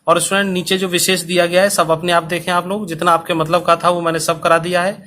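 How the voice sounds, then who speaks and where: A male teacher explaining a Sanskrit lesson to school students, speaking slowly and deliberately so they can write along. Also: high voice, level tone, bright, forceful tone. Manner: slow, dictation-paced explanation. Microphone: recorded for online video.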